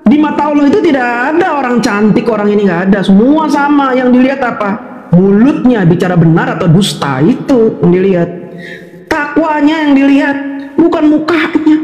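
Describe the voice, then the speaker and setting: A woman's voice: high voice, expressive, normal speed, darkish tone, muffled recording. An older woman in a casual, combative monologue, firing indignant rhetorical questions and laughing mockingly as she rants. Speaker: livestream commentator. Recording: echoey room with long reverb.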